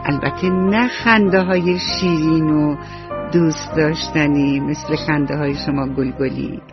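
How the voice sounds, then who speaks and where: A man telling a bedtime story to children on radio, gentle and playful, speaking right to the kids. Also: on the high side. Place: radio studio. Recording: dull lo-fi radio recording with faint music.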